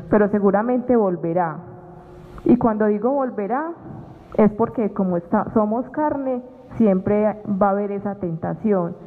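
A woman giving an earnest, reflective faith testimony in a halting way, often restarting her sentences. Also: mid-range voice. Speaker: guest sharing a faith testimony. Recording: tinny phone-like radio sound with long reverb.

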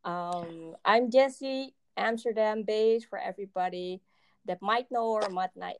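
Speaking a little slowly in a medium-pitched voice, this young woman from the Netherlands, a software developer, guests on a podcast for a casual interview. She has a Dutch accent, fills her speech with ums and frequent laughter, and the recording has no echo.

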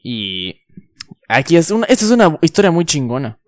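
Young man, Mexican Spanish accent, casual chat, profane slang, swooping lively pitch, dry recording. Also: moderate pace, no echo.

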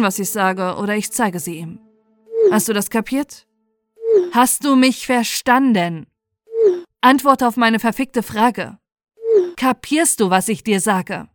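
A crude, threatening teenage boy who talks in blunt, bullying lines, read out by a woman in her own mid-pitched voice. The lines sound like a chat log spoken aloud, with a low bed of music underneath. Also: no echo, natural voice.

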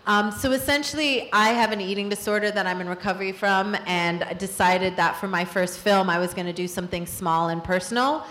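A woman's voice: medium pitch, steady tone, brisk, few pauses, a bit bright. Woman director at a live Q&A, candid and reflective, echoey room. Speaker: film director. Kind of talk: live Q&A answers.

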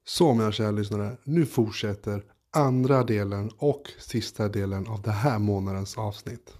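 A man co-hosting a podcast in casual chat, joking and animated, with many fillers. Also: lowish voice. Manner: jokey, animated, full of fillers. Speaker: podcast co-host.

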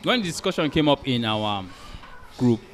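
A young adult man with a Nigerian accent, co-hosting a podcast in casual chat and telling animated stories. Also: mid-range voice, normal speed. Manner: animated storyteller, rises loud when excited. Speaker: podcast co-host.

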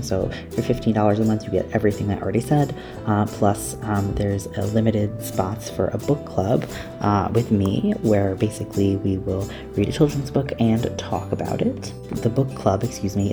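A man hosts a podcast on a low-quality audio feed, with plucked guitar music underneath. He talks in a chatty, rambling way and pokes fun at himself. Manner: chatty, rambling, self-deprecating. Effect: low-quality audio, recorded at work. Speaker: podcast host. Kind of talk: casual announcements.

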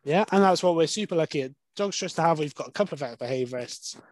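A young man talks through dog behaviour and medication in a relaxed, candid way. His voice sits a little high for a man and sounds dry and close to the mic. He explains at length, with plenty of conversational asides. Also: fast talker, no echo, rough recording. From Wales. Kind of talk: podcast interview.

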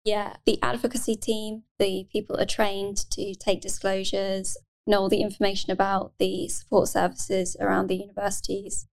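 A young woman student talks as a podcast guest, relaxed and casual, hedging often. Her voice stays flat and even, with a noticeable gravelly fry. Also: medium pitch, normal speed. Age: young adult. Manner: hedging, lots of "sort of" and "um".

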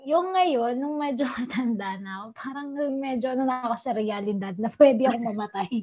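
A woman's voice: a little high, fairly quick, no echo, muffled recording. A young woman chatting casually as a vlogger, laughing often and mixing English into her talk. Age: young adult. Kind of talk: casual chat.

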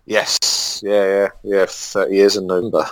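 A man co-hosting a podcast, chatting casually in a rambling, halting way. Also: deep voice, level tone, rough recording. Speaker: podcast co-host. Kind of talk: casual review chat.

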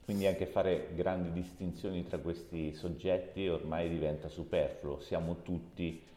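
A man, an author, answering interview questions in a reflective, measured way with a light touch of humor. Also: low-pitched, fairly even intonation, dark tone. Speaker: author and guest. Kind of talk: podcast interview. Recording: echoey room with long reverb.

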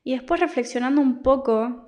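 A woman's voice: high-pitched, normal speed, a little mellow. Confiding Argentine woman, rambling. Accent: Argentine Spanish. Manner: rambling, many restarts, confiding. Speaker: podcast host. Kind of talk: personal reflective monologue.

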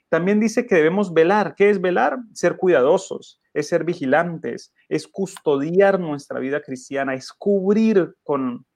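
A man's voice: fairly high pitch, no echo. Male pastor, earnest and emphatic sermon delivery, dry close mic. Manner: earnest, emphatic, rhetorical questions to listeners. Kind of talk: radio Bible study preaching.

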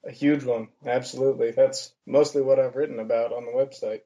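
A man's voice: mid-range voice, fairly even intonation, fairly quick, dark tone. A teenage American man from Pennsylvania, a film reviewer giving brief, modest answers in a casual interview. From Pennsylvania, USA. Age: teens.

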